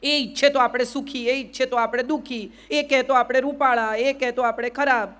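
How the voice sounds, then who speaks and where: A woman's voice: sits high, fairly even intonation, a little fast, a bit bright. A middle-aged woman with a Gujarati accent gives a motivational speech to a live audience. She keeps asking the crowd rhetorical questions and repeats "yes or no". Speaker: public speaker.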